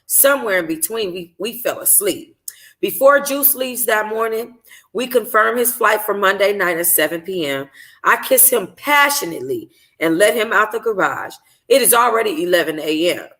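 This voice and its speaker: With lively intonation and a mid-range, pushed, bright voice, a book club host reads from a novel at a moderate pace. Her informal first-person audiobook narration includes occasional stumbles where she rereads phrases.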